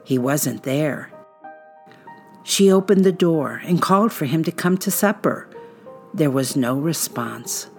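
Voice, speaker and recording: A woman hosting a podcast, narrating a true-crime script in a suspenseful, measured storytelling manner with dramatic pauses. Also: low-pitched, expressive, faint music behind.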